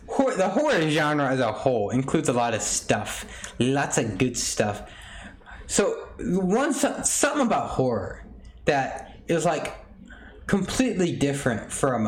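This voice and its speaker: A young man hosting a podcast in casual chat, rambling and jokey, laughing often. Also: a little high. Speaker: podcast host.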